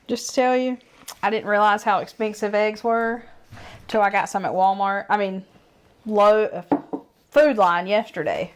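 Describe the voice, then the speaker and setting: A woman's voice: medium pitch, moderate pace, a little hiss or hum. A woman with a Southern country accent, chatting casually and laughing easily as she cooks in her home kitchen. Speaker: home cook, co-host. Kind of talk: casual cooking chat.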